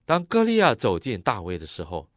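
Male interpreter, deep and animated, expressive, close dry mic. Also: brisk, no room sound. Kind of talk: consecutive sermon interpretation.

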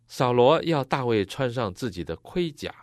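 A man interpreting a sermon phrase by phrase, matching the preacher's expressive delivery. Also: mid-range voice, moderate pace, no echo, clean studio sound.

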